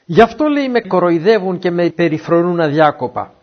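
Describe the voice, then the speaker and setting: A man preaching from the Bible with a husky, slightly raised voice that swings widely up and down as he tells the story. He keeps asking his listeners questions as he goes. The recording is dull and muffled. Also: sits high. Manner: lively storyteller who asks the listeners questions. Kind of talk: Bible teaching talk.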